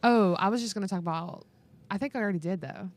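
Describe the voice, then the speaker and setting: A woman co-hosting a podcast chats casually and conversationally. She talks fast in a medium-pitched voice, with no echo on the recording.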